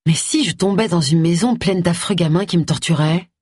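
A reader voicing a sharp-tongued, irritable middle-aged woman detective in an audiobook. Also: mid-range voice, a little fast, husky, no echo, studio quality, lightly acted. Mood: musing. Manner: sharp, exasperated.

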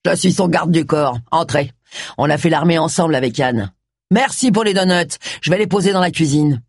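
Reader doing a gruff, blunt bodyguard, husky, dry audiobook sound. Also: medium pitch, moderate pace, no room sound. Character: brawny male bodyguard, blunt and threatening.

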